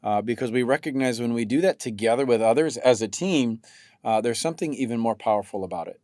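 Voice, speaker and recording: A man's voice: mid-range voice, fast, darkish tone, dry recording, clean studio sound. A middle-aged man co-hosting a coaching podcast. He speaks thoughtfully, steers the conversation, and repeats words while he thinks.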